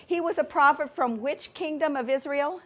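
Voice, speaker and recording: A woman's voice: high voice, moderate pace, fairly bright tone. A woman teaching a Bible study class, quizzing her students and laughing easily. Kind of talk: classroom Bible lesson with questions.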